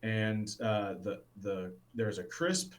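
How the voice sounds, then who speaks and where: A man co-hosting a casual sports podcast, talking with lots of fillers and restarts and getting excited about baseball. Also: fairly low pitch, takes it slowly. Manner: rambling, many fillers and restarts. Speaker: podcast co-host.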